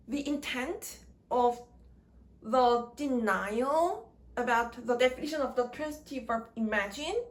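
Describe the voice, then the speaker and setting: Slow, halting woman explaining grammar. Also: a little high. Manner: deliberate, halting phrasing in short chunks. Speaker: grammar teacher. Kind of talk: slow lecture on English grammar.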